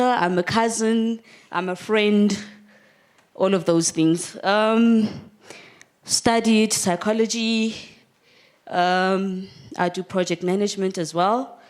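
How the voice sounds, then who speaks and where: A woman from Cape Town speaks as the guest in a church. Her voice sits mid-range, and her manner is chatty, full of little ums. When she leads a prayer, she keeps coming back to "dear God.". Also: mid-range voice. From Cape Town, South Africa. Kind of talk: church talk and spoken prayer. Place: church hall.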